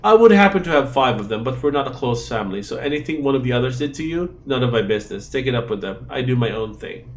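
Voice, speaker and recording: A man's voice: medium pitch, lively intonation, quick pace, hardly any pauses, close to an everyday voice. A man voicing a blunt, dismissive combat-magic student in a fantasy game.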